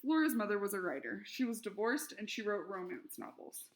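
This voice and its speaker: A woman reading a children's novel aloud, expressive and lively in the characters' shouted lines. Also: medium pitch, fairly quick. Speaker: reader.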